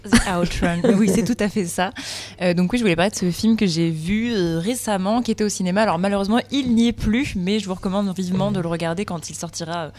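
A woman columnist on a relaxed radio show, talking about a film she loved. Her voice sits at a middle pitch. She speaks hesitantly and apologetically, with plenty of fillers. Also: quick pace. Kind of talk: casual radio chat.

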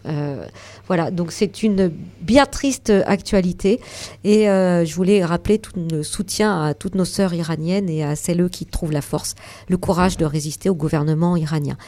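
A woman hosting a casual radio chat, calmly reading out a film recommendation with a little irony. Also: lowish voice, moderate pace. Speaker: radio show host.

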